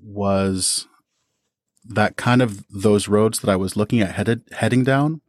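This is a man with a fairly low voice, speaking unhurriedly with no echo. He's a podcast guest who creates audio dramas, offering casual, reflective explanations about his creative work.

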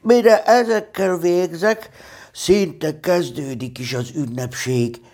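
A man's voice: a little high, gravelly, pitched above the performer's own voice, heavily acted. A man voicing Winnie the Pooh, an eager bear. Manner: excited, chattering questions. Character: eager, impatient little male teddy bear. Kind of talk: storybook reading.

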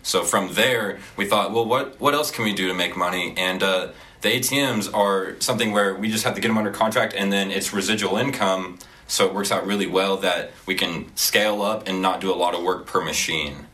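A young man from Oklahoma, a student entrepreneur, explaining his business in a relaxed, casual interview with some fillers. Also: low voice, fairly quick. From Oklahoma, USA. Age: young adult.

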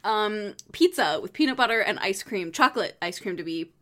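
A woman's voice: medium pitch, animated, fairly bright tone. Female podcast co-host, casual and chatty, easy laughter. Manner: chatty, giggly, quick asides.

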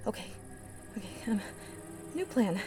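Music plays in the background as an actress voices a protective, determined woman hiker in a full-cast audio drama, swearing, urgent and reassuring under pressure. She speaks in a medium pitch, very animated yet unhurried.

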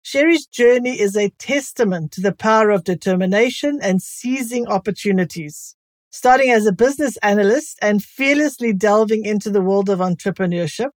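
A woman's voice: medium pitch, a little mellow, no room sound. Polished woman podcast host, dry sound. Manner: polished, formal. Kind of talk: scripted introduction and interview questions.

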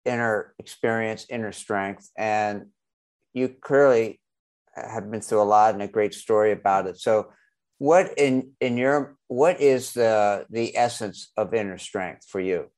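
A man's voice: lowish voice, unhurried, a little mellow. A man hosting an interview podcast, asking questions hesitantly with many fillers. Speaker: podcast host. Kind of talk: interview conversation.

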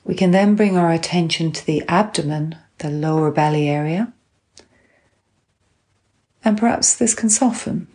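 A woman instructor calmly and gently guiding a grounding exercise, unhurried, with long pauses between phrases. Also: low-pitched. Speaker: guided relaxation instructor. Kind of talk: calm guided grounding exercise.

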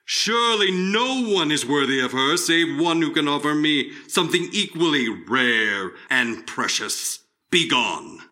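A man's voice: fairly high pitch, lively intonation, measured pace, sharp tone, exaggerated voice. An actor playing a proud, haughty older king with a pompous, scornful manner.

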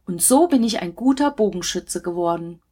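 A woman's voice: on the low side, animated, moderate pace, mellow, slightly rough. A woman voicing a devoted young male forest archer who speaks humbly and earnestly to his teacher.

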